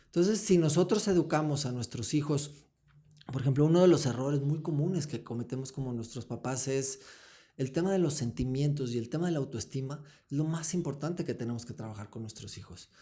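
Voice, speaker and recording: A man's voice: medium pitch, brisk, mellow. A man, founder of a foundation, explaining earnestly as an interview guest. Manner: explanatory, acts out short dialogues with children.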